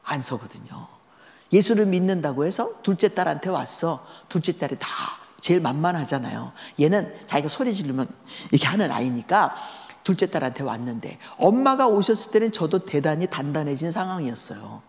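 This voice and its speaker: A woman's voice: low-pitched, a little fast. A woman giving a storytelling sermon at a church seminar, talking conversationally and asking the listeners questions. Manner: lively, conversational, asks the audience questions. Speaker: guest lecturer at a church seminar. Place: large church sanctuary. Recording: echoey church hall.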